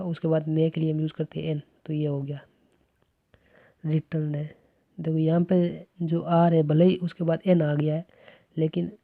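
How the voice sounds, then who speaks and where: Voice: mid-range voice, no room sound. A teacher explaining a phonetics lesson step by step, often checking in with the listener. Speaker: English teacher. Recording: dry, tinny phone-like recording.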